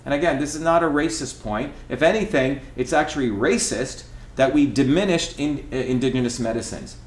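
A man's voice: medium pitch, fairly quick. A middle-aged man from India, talking while he cooks in his home kitchen, emphatic and lecturing, often asking "okay?" to drive his points home. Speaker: host. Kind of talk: casual talk while cooking. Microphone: camera across the kitchen. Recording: echoey kitchen room.

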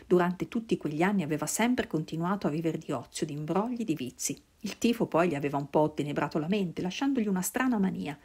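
A woman reading a literary novel aloud in a measured, solemn way. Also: fairly low pitch, lively intonation, darkish tone, slightly rough. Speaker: reader.

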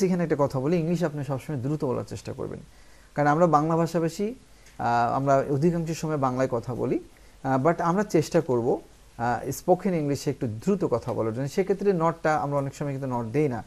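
A man from Bangladesh teaching spoken English, explaining in Bengali and reading English phrases slowly with many hesitant fillers. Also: fairly high pitch, creaky, darkish tone. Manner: frequent "ah" fillers, asks "ঠিক আছে?".

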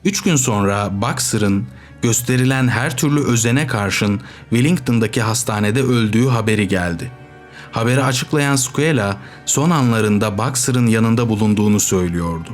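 A man reading a novel aloud as audiobook narrator, with steady, measured storytelling. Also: on the low side, soft background music. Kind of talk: scripted narration.

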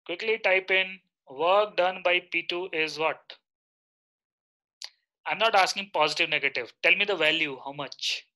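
A man's voice: high voice, unhurried, pushed and bright, poor audio. A man in his thirties with an Indian accent, teaching a live online lecture and often checking in with short questions.

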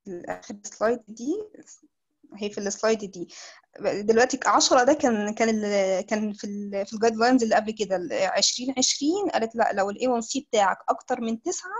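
A woman's voice: a little high, fast. A woman with an Egyptian Arabic accent giving a medical lecture over a video call. She explains step by step and often restarts her sentences. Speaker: doctor giving an online lecture. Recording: slightly dull lo-fi call audio.

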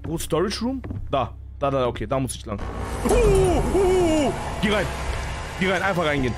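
A man's voice: on the high side, big pitch swings, fast talker, loud music behind the voice. A man giving panicky, jumpy let's play commentary on a horror game, full of sworn exclamations. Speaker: gaming streamer.

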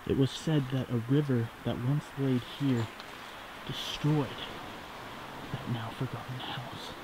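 A young man exploring a ruined house outdoors, narrating his vlog loudly to a handheld camera at arm's length, now and then dropping to hushed asides. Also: mid-range voice, takes it slowly. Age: young adult. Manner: loud and excited, drops to hushed asides. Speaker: vlogger. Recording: outdoor camera audio with clear ambient noise.

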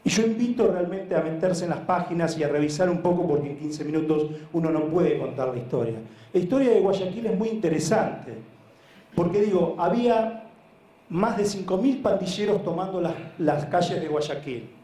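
A man from Argentina with a Buenos Aires accent, head of a social sports foundation, gives an informal conference talk full of storytelling in an echoey room. His high, warm voice moves at normal speed, earnest and emphatic, often repeating words and checking in with listeners.

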